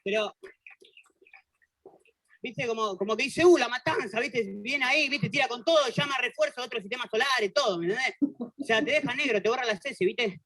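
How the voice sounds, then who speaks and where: A man's voice: extremely high pitch, fairly quick, pauses often, pushed and bright, no echo. A young man with a Buenos Aires suburbs accent, doing a stand-up routine on a TV studio stage, full of street slang and constant "¿viste?" tags. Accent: Buenos Aires suburbs Argentine Spanish. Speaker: stand-up comedian. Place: television studio stage with audience.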